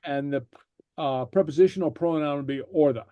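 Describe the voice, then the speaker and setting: A man teaching a language class, explaining slowly and patiently, checking in with "okay?" after each point and using many fillers. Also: fairly high pitch, dry recording, lo-fi sound. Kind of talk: slow explanatory class lecture.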